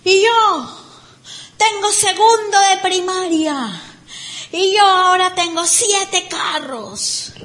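A woman's voice: very high-pitched, animated, slow, a bit bright, pitched above the performer's own voice, heavily acted. A woman voicing a boastful self-made male motivational speaker who brags to a cheering crowd. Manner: bragging, pleading with a cheering crowd.

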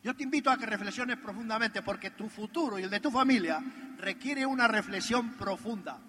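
A man's voice: high-pitched, fairly quick, pushed and bright, in a large hall. A man from gives an emphatic, storytelling motivational talk at a business convention, speaking straight to the listener. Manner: emphatic, addresses the listener directly. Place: large convention hall.

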